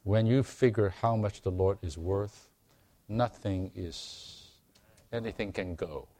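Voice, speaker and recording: A man preaching a sermon to a congregation, earnest and unhurried, growing emphatic as he reads and explains scripture. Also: lowish voice, warm tone. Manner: slow, earnest, calls for amens, rising to emphatic preaching.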